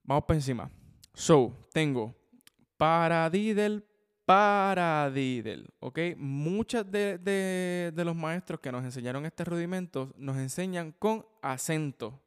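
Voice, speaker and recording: Drum teacher a resonant voice. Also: male voice, on the high side, measured pace, darkish tone, clean tone. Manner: explains with frequent "ok?" and "¿verdad?" checks, counts sticking aloud. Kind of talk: instructional video lesson. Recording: long hall reverb.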